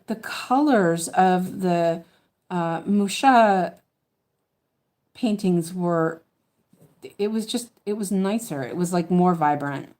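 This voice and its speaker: A woman with a lisp that slurs her s toward sh, chatting casually and haltingly as she stitches, often correcting herself and thinking aloud. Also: on the low side, warm tone. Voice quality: lisp, slushy sh for s. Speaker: craft streamer. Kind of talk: casual rambling chat while stitching.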